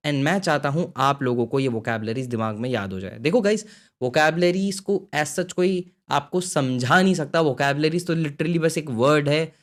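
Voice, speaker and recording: Young man, teacher, online lesson, step-by-step explanations, frequent check-ins, mid-pitched voice. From India. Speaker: Japanese language teacher. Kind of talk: online lesson in Hindi-English mix.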